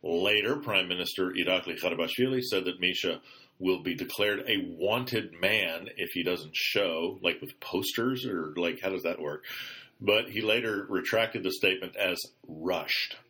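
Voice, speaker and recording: A man with a deep, bright, forceful voice reads the week's news for a podcast. He talks into a computer mic with loose, chatty asides and stops to fix his own slips. The delivery is casual rather than polished. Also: a little slow. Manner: chatty asides, self-corrects with ums.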